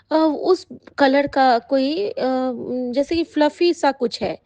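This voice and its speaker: A woman, a devotee, recounts a dream to a congregation in halting, rambling speech with many fillers. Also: high-pitched, darkish tone, no echo. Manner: addresses listeners as congregation. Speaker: devotee sharing an experience. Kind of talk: spoken testimony of a dream. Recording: dull lo-fi recording.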